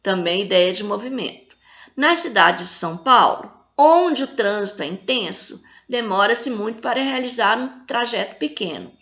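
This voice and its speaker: A woman teacher with a Brazilian accent giving a recorded lesson to children, slowly drawing out example words. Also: mid-range voice, lively intonation, a bit bright. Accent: Brazilian Portuguese. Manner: slow, drawn-out syllables when reading example words.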